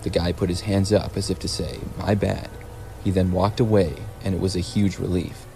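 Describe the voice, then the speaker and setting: A man narrating a scripted first-person story in a measured, plain storytelling delivery. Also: sits low, level tone, dark tone, faint music behind, low-quality recording. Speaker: narrator of horror stories.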